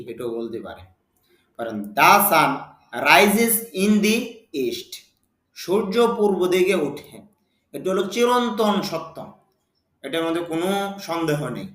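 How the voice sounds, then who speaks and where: Guy teaching english grammar, asks himself questions then answers, kinda high voice, echoey room. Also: fairly bright tone. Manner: slow, drawn-out reading of English example sentences. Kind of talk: spoken English lesson.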